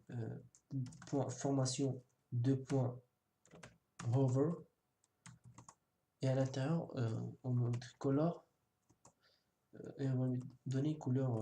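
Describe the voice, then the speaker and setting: A man with a mellow, relaxed voice talks through a coding tutorial in a loose, casual way, full of fillers and restarts. He jokes about himself now and then. Keyboard typing and mouse clicks tap under a faint hiss. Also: medium pitch. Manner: jokes self-mockingly. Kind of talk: screen-recorded coding tutorial.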